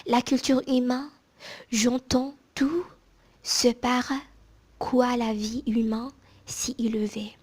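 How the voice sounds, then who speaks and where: Woman, soft library whisper, ASMR book reading, very slow, even and hushed. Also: fairly high pitch, husky. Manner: slow, hushed, careful delivery with small pauses.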